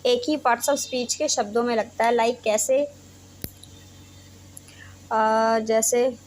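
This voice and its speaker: A woman's voice: fairly high pitch, fairly even intonation, takes it slowly, darkish tone, a little hiss or hum. A young Indian woman teaching a grammar lesson, explaining step by step and often checking in with her students. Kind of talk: Hindi-English grammar lesson.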